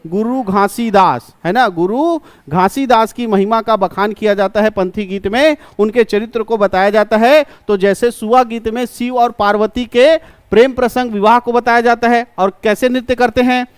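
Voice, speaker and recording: A male coaching class teacher, giving an exam-prep lecture. He asks a question, answers it himself, and repeats key terms slowly. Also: high-pitched, fairly even intonation, clean tone, dry recording.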